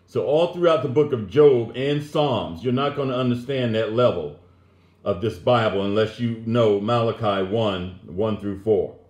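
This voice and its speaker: A man's voice: on the low side, unhurried, a little mellow, reverberant, dull audio. A man teaching a Bible lesson, emphatically reading scripture aloud and commenting on it as he goes. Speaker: religious teacher.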